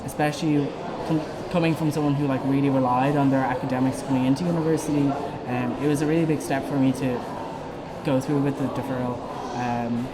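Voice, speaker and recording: Over background music and heavy background noise, a Dublin-accented Irishman in his twenties earnestly fields questions for a student election campaign video, with many ums. He speaks fairly quickly in a mid-range voice with fairly even intonation.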